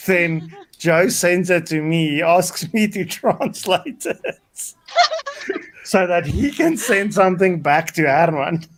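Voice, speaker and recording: A man's voice: sits high, lively intonation, slow, slight background noise. A man with a South African accent, chatting casually and recounting things to friends. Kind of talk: casual chat.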